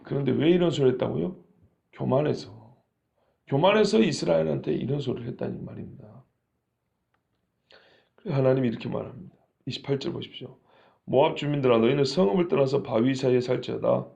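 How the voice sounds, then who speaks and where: A male pastor preaches with lively energy and keeps putting questions to his congregation. His voice is fairly high with a strong gravelly edge. The recording has a dull, lo-fi sound. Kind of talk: sermon.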